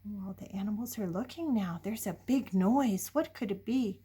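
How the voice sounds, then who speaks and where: An older children's story reader speaks at a normal speed in a medium-pitched, slightly rough voice. She gives a picture book a playful, dramatic reading, asking the little ones questions and alternating hushed whispers with loud exclamations.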